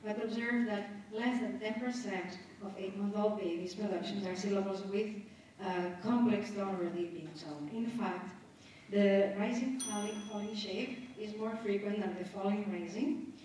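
A woman with Spanish as her first language explains her conference lecture step by step, adding tag questions along the way. Her medium-pitched voice is steady and a little mellow at a moderate pace, captured from afar in an echoey hall with slight background noise.

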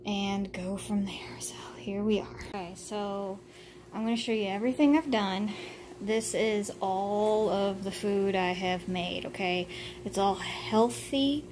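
A woman's voice: medium pitch, unhurried, noisy background. A woman talking casually through a cooking vlog in her home kitchen, rambling with plenty of fillers. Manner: chatty, rambling, with frequent fillers. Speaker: vlogger.

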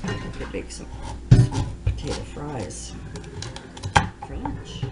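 A woman's voice: low-pitched, huge pitch swings, takes it slowly, over loud music. A woman cooking in her home kitchen, chatting casually to herself as she chops vegetables. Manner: talks to herself while chopping vegetables. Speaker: cooking vlogger. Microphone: camera on the counter. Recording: echoey kitchen with loud background noise.

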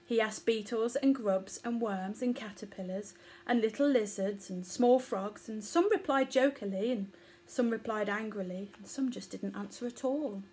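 A woman narrating a children's storybook aloud in a gentle, expressive way. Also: a little high.

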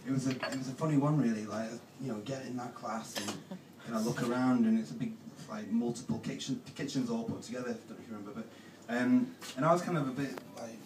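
A young man doing stand-up in a halting, deadpan way full of ums. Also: medium pitch. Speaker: stand-up comedian. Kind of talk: stand-up comedy set. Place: comedy club stage. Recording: roomy live club, distant mic, noisy.

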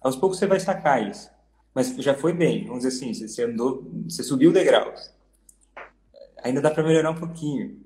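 A man hosting an advice session, gently encouraging a caller and offering to help her improve. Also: medium pitch, expressive, fairly quick, echoey room. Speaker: host giving advice.

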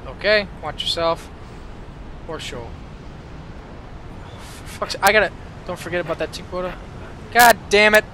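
A man's voice: on the high side, normal speed, long pauses, noisy background. A man giving casual, sarcastic gameplay commentary with plenty of swearing. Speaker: gamer.

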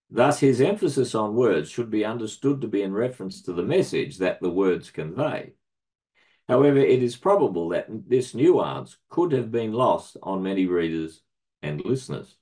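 A middle-aged man reading a prepared academic paper aloud in a measured, formal way, marking each citation with quote and end quote. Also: on the low side, darkish tone. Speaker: research centre director presenting a paper.

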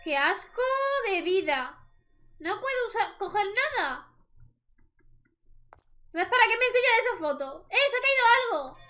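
Young woman, Spain Spanish accent, very high voice, let's play commentary, chatty. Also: very animated, a little slow, long pauses, pushed and bright, faint music behind. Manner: chatty, exclaims at the screen and addresses viewers. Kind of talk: casual gameplay commentary.

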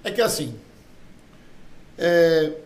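A man's voice: on the high side, lively intonation, very slow. A man with a Brazilian accent hosting a casual podcast, talking emphatically and with a preachy edge. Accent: Brazilian Portuguese. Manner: emphatic, opinionated, sermon-like asides. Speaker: podcast host. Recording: echoey room with faint background hum.

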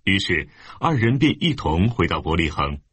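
Deep-voiced male Bible reader. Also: husky, no room sound. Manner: steady, measured reading. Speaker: scripture reader. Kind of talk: scripted audio Bible narration.

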